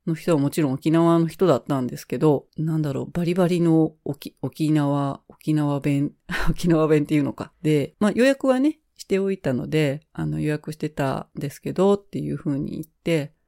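A woman's voice: deep voice, moderate pace, gravelly, warm tone. A woman hosting her own podcast, telling a travel story in a casual, cheerful way with fillers and laughs. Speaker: podcast host.

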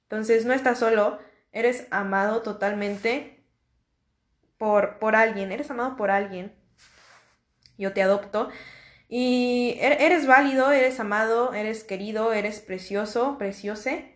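A woman's voice: on the high side, slow pace, roomy sound. A young woman with a Mexican accent hosting a podcast, talking casually in a slangy, reassuring, repetitive way. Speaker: podcast host. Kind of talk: casual motivational monologue.

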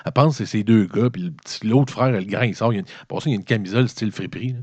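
A man's voice: lowish voice, rapid-fire, breathy edge, dry recording. A man with a Québécois accent, recapping a movie in a rambling, swearing, comedic way. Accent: Québécois French. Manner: swearing, animated, colloquial storytelling. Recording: dull, lo-fi dry recording.

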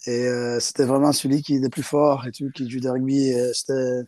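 In a brisk, mellow voice of medium pitch and little pitch movement, a South African rugby player answers casual interview questions in French. He is hesitant, with frequent fillers and restarts, and the recording has no echo.

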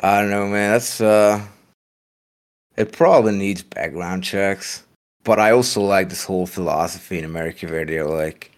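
Frank, deep-voiced man musing aloud. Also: moderate pace. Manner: frank, musing, swears casually. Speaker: guest co-host. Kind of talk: casual podcast chat.

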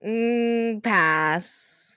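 A young woman co-hosting a casual podcast, trading wry, quick reactions with her co-host on a close mic. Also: on the high side, sharp tone, smooth, no room sound. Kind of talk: casual chat.

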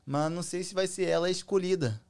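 Young male musician guest, Brazilian accent. Slightly high voice, rapid casual delivery, heavy slang and swearing. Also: darkish tone, clean tone. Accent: Brazilian Portuguese. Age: young adult. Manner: slangy, swearing, boastful storytelling. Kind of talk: casual chat.

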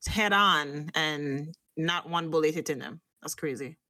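A woman's voice: deep voice, unhurried, pushed and bright, dry recording. A woman co-hosting a casual gaming podcast, chatty and a bit trailing. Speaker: podcast co-host.

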